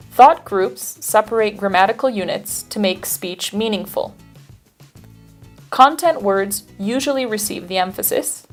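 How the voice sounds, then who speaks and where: A woman narrating a scripted English lesson in a clear, measured way, stressing key words. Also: medium pitch, darkish tone. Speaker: instructor.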